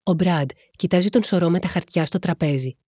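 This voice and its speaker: Husky low-voiced woman reading a novel, steady, dry close sound. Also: no room sound. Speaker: audiobook narrator.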